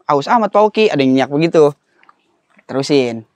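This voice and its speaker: A man hosting a casual interview, firing quick teasing questions and laughing often. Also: fairly high pitch, expressive, no echo. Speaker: host.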